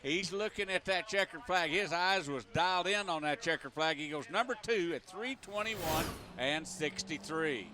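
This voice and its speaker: A man's voice: a little high, normal speed, few pauses, bright, forceful tone. A man calling a tractor pull as an announcer, with folksy, colloquial commentary. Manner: folksy, colloquial turns of phrase. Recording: noisy outdoor track with engine noise. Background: outdoor ambience and vehicle engines.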